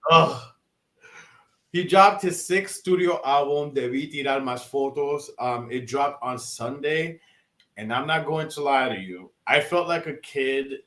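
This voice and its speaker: Excitable man chatting in an echoey room. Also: medium pitch, measured pace. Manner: excitable, rambling with many restarts and fillers. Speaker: podcast co-host. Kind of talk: casual chat.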